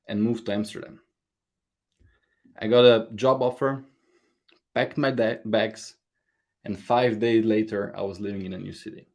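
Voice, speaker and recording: A man's voice: on the low side, darkish tone. A man, giving an earnest, slightly nervous prepared talk at a conference. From Slovenia. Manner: earnest, a bit nervous, grammar slips. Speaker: conference speaker.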